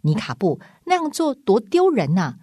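A woman plays a blunt red dwarf from a storybook, forceful and quick to exclaim. The voice climbs high above the reader's usual pitch, with lively swings, in a dry, close recording. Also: slightly rough, dry recording, full character voice. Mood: indignant. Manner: emphatic, exclaiming.

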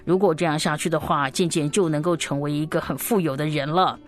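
A woman's voice: low-pitched, steady tone, a little fast, soft background music, natural voice. A woman voicing a contented, hopeful farmer in a children's story, speaking simply with pleased wonder, as if reading to small children. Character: contented, hopeful farmer counting a good harvest.

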